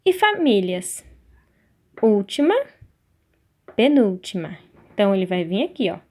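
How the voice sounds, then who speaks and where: A Brazilian woman teacher giving a recorded lesson, patient, drawing out key words slowly. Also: medium pitch, very animated, darkish tone. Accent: Brazilian Portuguese.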